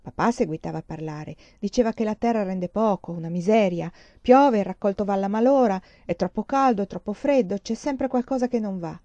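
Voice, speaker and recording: A woman reading a novel aloud in a calm, measured storytelling manner with gentle emphasis. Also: mid-range voice, no room sound, muffled recording. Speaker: audiobook reader.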